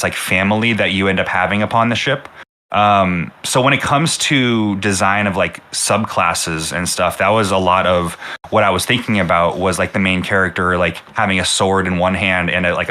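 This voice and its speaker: A man answering questions in a casual livestream about game design, halting and full of fillers. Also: low-pitched, pushed and bright.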